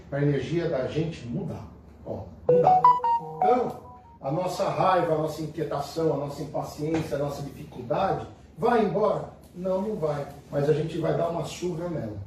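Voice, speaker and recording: A man's voice: on the high side, a little mellow, slight background noise. A middle-aged man with a Brazilian Portuguese accent, a bishop giving a homily in a conversational, emphatic style full of rhetorical questions. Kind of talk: sermon. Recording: echoey room heard from a distance.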